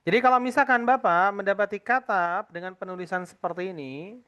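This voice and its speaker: A man teaching an Arabic lesson to adult students, patiently explaining and slowly repeating each word for the class. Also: high-pitched, sharp tone, clean tone, dull audio.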